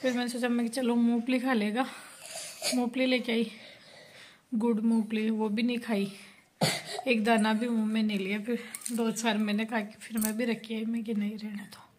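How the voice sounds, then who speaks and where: A high-pitched woman talks quietly to the camera in a casual home vlog, murmuring as she goes about her day. The phone recording carries clear background noise. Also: little pitch movement, normal speed. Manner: soft murmured narration to camera. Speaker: vlogger.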